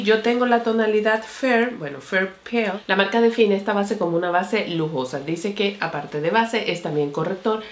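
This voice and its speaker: Chatty woman beauty vlogger, echoey room. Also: medium pitch. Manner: chatty, addresses viewers as señores and mi amor. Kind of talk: casual makeup review to camera.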